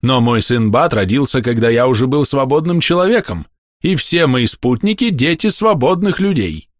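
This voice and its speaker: Man voicing a solemn old man, slow, proud, dry close sound, storybook. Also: mid-range voice, very animated, no echo, voice pushed up, lightly acted. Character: dignified old freed man, proud and calm.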